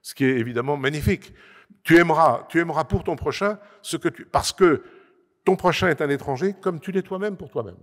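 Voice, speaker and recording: A man with a voice on the high side talks briskly in a lecture-style address to an audience on a conference panel. He is emphatic yet often hesitates and restarts, and the recording carries the long reverb of a large assembly hall.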